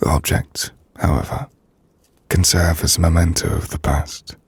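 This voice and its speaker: Level in tone and fully in character, a man voices a melancholy, gentle half-vampire nobleman in a dry-recorded ASMR roleplay. His low, gravelly, breathy voice stays hushed and slow with formal, measured phrasing, the mood wistful and reflective in this intimate dramatic monologue.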